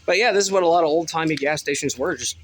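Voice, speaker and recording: A man's voice: racing, a little hiss or hum. A man vlogging casually outdoors on a rural delivery route, rambling and swearing as he records on his phone. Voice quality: profane, rambling, lively swings in pitch. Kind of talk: casual vlog.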